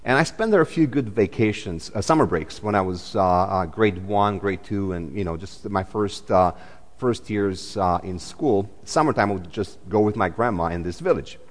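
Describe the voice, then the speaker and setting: A Romanian man in his forties preaches a sermon in a church, talking conversationally with lots of fillers and restarts. His voice sits on the low side and is expressive, moving at a normal speed. A long reverb tail trails after his words.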